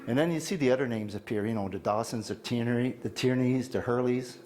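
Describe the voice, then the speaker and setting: A man's voice: medium pitch, brisk, darkish tone, a little hiss or hum. A retired older man from Quebec City giving an informal talk on genealogy, rambling with personal asides and frequent fillers. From Quebec City, Canada. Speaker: guest speaker on family genealogy. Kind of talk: informal lecture. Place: meeting hall with an audience.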